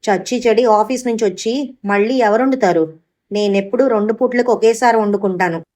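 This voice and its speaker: A woman's voice: fairly high pitch, a little fast, a little mellow, close to an everyday voice. A woman reading the part of a scornful young mistress with cutting retorts.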